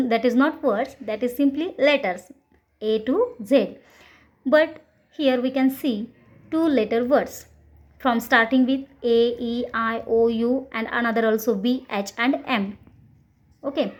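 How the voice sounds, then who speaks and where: Slow, deliberate Indian woman teaching phonics. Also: a little high. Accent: Indian English. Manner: spells letters then says the word, slow and deliberate in English, quicker in Hindi. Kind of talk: phonics lesson, spelling out words.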